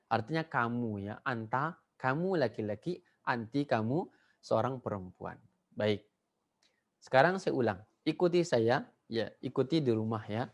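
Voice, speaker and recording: A man teaches a beginner language class at a slow, unhurried pace. He repeats words and phrases over and over so students can follow along. His voice sits at an ordinary middle pitch. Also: lively intonation. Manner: patient, repeats each word for learners to echo. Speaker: Arabic teacher.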